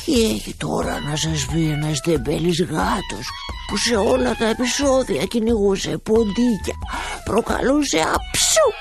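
A woman's voice: medium pitch, creaky, music in the background. A woman voicing a lazy chatty bookshop tomcat. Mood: playful. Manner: playful, meowing, lively storytelling. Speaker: narrator. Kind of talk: storybook narration.

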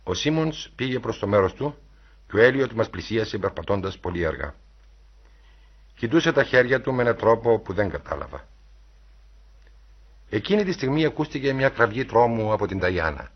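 A man giving an expressive dramatic reading of a novel. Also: lowish voice, long pauses, husky, muffled recording. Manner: expressive, storytelling. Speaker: audiobook reader.

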